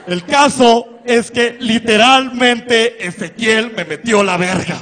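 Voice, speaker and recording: A man's voice: very high-pitched, slow, a bit bright. Man, Sinaloan Mexican accent, campy stand-up persona, crude and exaggerated, long live-room reverb. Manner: crude, exaggerated, shrieking quotes. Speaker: stand-up comedian.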